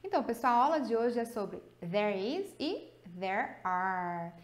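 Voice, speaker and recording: A woman with a Brazilian accent teaching an English grammar video lesson, explaining with lively emphasis and slowly drawing out her example words. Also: fairly high pitch, reverberant. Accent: Brazilian Portuguese.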